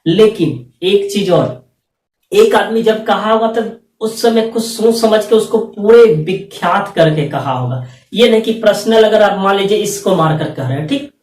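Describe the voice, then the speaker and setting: A man's voice: high-pitched, animated, a little slow, darkish tone. A man teaching math at a board, asking rhetorical questions and repeating them. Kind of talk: classroom lecture at a board. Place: classroom with a whiteboard. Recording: echoey room, speaker far from mic.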